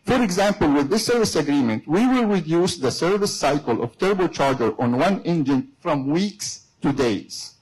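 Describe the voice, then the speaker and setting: Guy doing a formal company speech, fairly high voice, a bit husky, careful halting delivery. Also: lively intonation, a little mellow, rough recording. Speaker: company representative giving a speech. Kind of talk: formal prepared public speech.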